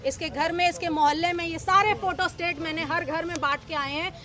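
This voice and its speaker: A local politician in her thirties speaks emphatically and accusingly to reporters in an outdoor street press interview in the city. Her voice is very high, steady in tone, and fairly quick.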